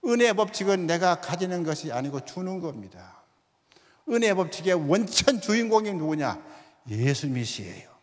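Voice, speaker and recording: A man's voice: high-pitched, big pitch swings, moderate pace. A man in his seventies giving a sermon in a church, often putting rhetorical questions to the congregation. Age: 70s. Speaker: guest speaker. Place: church sanctuary. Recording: long hall reverb.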